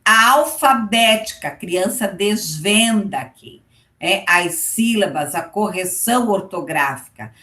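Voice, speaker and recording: Woman teacher, unhurried class delivery, echoey room, frequent check-ins. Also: mid-range voice, animated, pushed and bright. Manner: explains step by step with frequent "tá?" and "né?" checks. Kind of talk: online class lecture.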